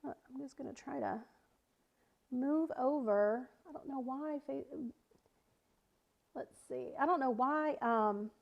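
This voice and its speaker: A high-pitched woman with a Southern American accent leads a live craft tutorial from her home workspace. She talks in a chatty, friendly way, greeting viewers by name between steps, and her voice is picked up by the camera mic. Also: takes it slowly, vocal fry, pauses often, dull audio. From South Carolina, United States. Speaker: wreath-making teacher and shop owner.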